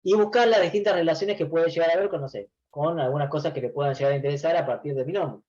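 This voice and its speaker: A man's voice: on the high side, fast talker, a little mellow. Man teaching over a lo-fi call. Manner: explains patiently, many restarts and filler "eh". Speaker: university database teacher. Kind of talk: online class lecture. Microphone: video call.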